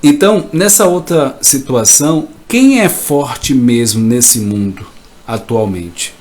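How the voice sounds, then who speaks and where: A man gives a live motivational talk as a coach. He speaks slowly and emphatically, repeating his points and now and then acting out a shout. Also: medium pitch. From Brazil. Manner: emphatic, repetitive, reenacts shouting.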